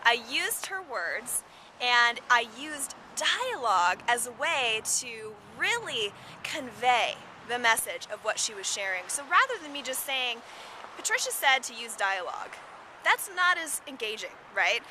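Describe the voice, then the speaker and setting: A woman's voice: on the high side, very animated, a little slow, pushed and bright, slight background noise. A woman vlogging outdoors, giving storytelling tips in an upbeat, emphatic way and repeating her key points. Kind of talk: casual instructional vlog.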